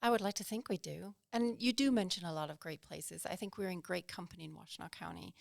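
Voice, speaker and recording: A woman from Denmark with a Danish accent touched by northern English, speaking as a podcast guest in an earnest, measured way. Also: fairly low pitch, gravelly, no echo, studio quality. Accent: Danish with a northern English tinge. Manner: measured, earnest, explains plainly. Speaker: guest, executive director of a nonprofit. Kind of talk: podcast interview. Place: small podcast studio. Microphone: studio mic on a boom, with headphones.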